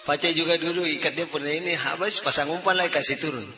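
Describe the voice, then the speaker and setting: A man with a Papuan accent telling funny folk stories, lively and jumping into characters' voices. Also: a little high, fast talker, background noise. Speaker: comedy storyteller. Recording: roomy echo.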